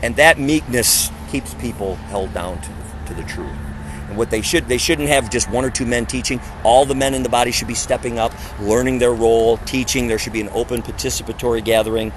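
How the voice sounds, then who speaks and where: A street preacher with a mid-range voice talks fairly quickly over a noisy background, preaching conversationally to a small group outdoors in a parking area. He speaks emphatically, poses rhetorical questions, and acts out other people's voices.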